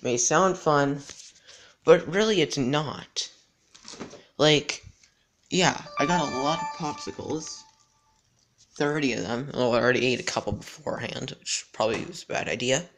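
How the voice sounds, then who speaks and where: A teenage male vlogger chatting casually and haltingly, with his mouth not fully closing after dental surgery. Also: mid-range voice, slight background noise. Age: teens. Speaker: gaming channel host. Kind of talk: casual vlog chat to camera. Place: indoors in a house. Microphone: handheld device at arm's length.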